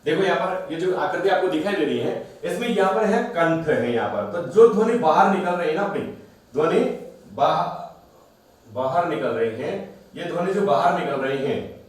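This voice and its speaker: A man's voice: a little high, animated, normal speed. Echoey male grammar teacher quizzing himself. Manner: repetitive question-and-answer teaching, asks then answers himself. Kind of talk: classroom-style recorded lesson. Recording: very echoey room, voice from a distance.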